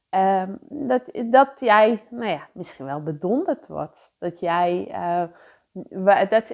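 A woman talks slowly and steadily through an unscripted solo podcast aimed at horse riders. She often hesitates, restarts and repeats herself between fillers. She turns to the listener with direct, reflective questions. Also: mid-range voice.

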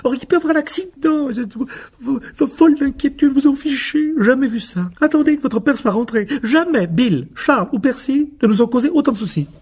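A man voicing a small, plump witch mother scolding her sons in a shrill voice, for an audiobook. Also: expressive, measured pace, long pauses, a little mellow, far from the mic, exaggerated voice. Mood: furious. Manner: raspy, gravelly. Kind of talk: audiobook character voice.

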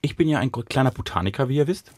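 A man co-hosts a podcast in casual banter, playful and joking, often tripping over his words. His voice is a little husky and swings widely in pitch. The studio sound is close and dry. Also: expressive, very fast, a little mellow, dry recording. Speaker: podcast co-host.

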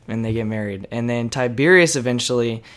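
A young man co-hosting a casual history podcast, chatty and relaxed, often saying "like". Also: mid-range voice, fairly quick, clear, resonant tone. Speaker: podcast co-host.

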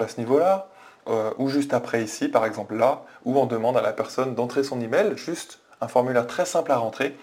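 A man's voice: mid-range voice, darkish tone. A man walking viewers through a sales page on screen, explaining it in a hesitant way, with frequent fillers and restarts. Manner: explanatory, addresses viewers directly. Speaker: online business coach. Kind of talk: screen-share walkthrough commentary.

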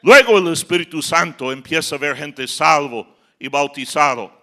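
A man's voice: on the high side, moderate pace, sharp tone. A man preaching a sermon as pastor, building to emphatic outbursts. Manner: preaching with rising emphatic outbursts and acted quotes.

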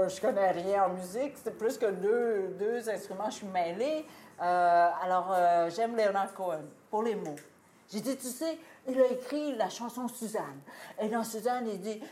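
A woman telling a lively anecdote to an audience, laughing often and acting out what people said. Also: medium pitch, a little hiss or hum. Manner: animated storytelling, laughing often, acts out quoted lines. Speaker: guest author telling a story. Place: live talk venue. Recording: roomy live venue, faint ambience.

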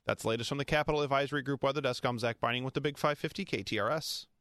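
A man's voice: mid-range voice, racing, fairly bright tone, no room sound, studio quality. An American man reading a scripted weather report on the radio.

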